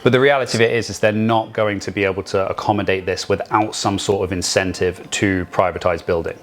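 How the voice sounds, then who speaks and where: A man from the Vancouver area co-hosts a real estate podcast, chatting casually and rambling with frequent restarts and the occasional joke. His voice is deep, his intonation fairly even, and his delivery brisk.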